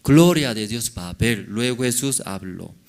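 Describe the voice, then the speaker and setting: Male pastor preaching in choppy non-native spanish, slow and very lively, keeps asking the church questions. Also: medium pitch. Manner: halting non-native Spanish with broken grammar; animated preaching, asks the congregation questions. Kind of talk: sermon. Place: church service.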